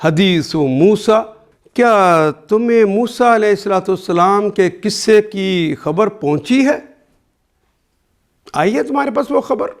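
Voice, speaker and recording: A man teaching a word-by-word Quran translation, reciting each verse slowly and then explaining every word in plain, patient teaching. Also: high-pitched, expressive. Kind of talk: word-by-word scripture lesson.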